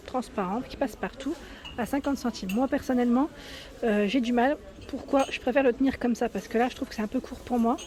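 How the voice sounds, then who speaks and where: High-voiced chatty woman vlogging in a store. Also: a little mellow. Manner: chatty, adds "hein" often, addresses viewers directly. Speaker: vlogger showing store products. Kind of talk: casual shopping vlog with price commentary. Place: inside a large furniture store, filming while walking.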